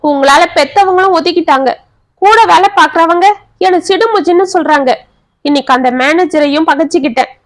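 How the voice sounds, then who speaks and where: A woman's voice: brisk, no echo. A woman voicing an overwhelmed young working wife who speaks in an anguished, pleading way. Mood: despairing. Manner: anguished, pleading, shrill when upset.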